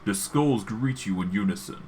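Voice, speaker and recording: A man's voice: lowish voice, expressive, moderate pace, a little mellow, slight background noise. A man streaming a video game, giving commentary and reading the game's text aloud.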